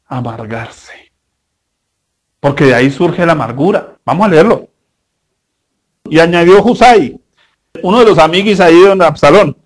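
High-voiced pastor preaching animatedly. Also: male voice. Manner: animated, rhetorical questions, sudden shifts in pace; mocking, acts out the people in his stories. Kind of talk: sermon.

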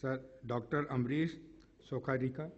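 A man's voice: medium pitch, fairly even intonation, moderate pace, muffled recording. A man with a North Indian accent making formal conference announcements in a polite, hesitant way, repeating phrases as he goes. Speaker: convention session host. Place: large indoor hotel conference hall.

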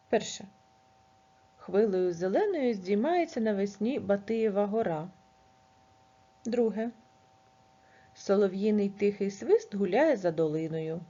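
A woman teacher reads a grammar lesson with a husky, darkish voice that rises and falls a lot. She goes slowly and clearly over each example sentence. The recording sounds dull and lo-fi. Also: mid-range voice, mellow. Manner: slow, measured dictation of example sentences. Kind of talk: reading a grammar lesson aloud.

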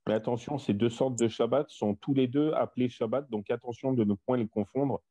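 A man's voice: medium pitch, a little fast, warm tone, no room sound. A man leading a casual Bible study discussion over an online voice chat, talkative and repeating himself with many fillers.

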